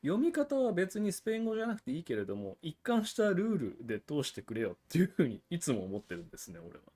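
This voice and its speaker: A man's voice: high-pitched, wildly swooping pitch, fast, warm tone. A man hosting a livestream about cigars, explaining things in a chatty, casual way with frequent asides to viewers. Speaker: cigar channel host.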